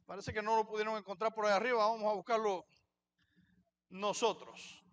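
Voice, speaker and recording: Male pastor, very high voice, preaching a sermon in church, asks questions and answers them himself. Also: steady tone, a little fast, clean tone, dull audio.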